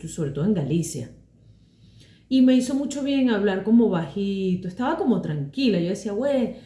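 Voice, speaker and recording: A Venezuelan woman with a deep chest voice, calmly telling a personal story as a voice teacher, unhurried and pausing often. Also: roomy sound. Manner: calm, unhurried, with many pauses and fillers.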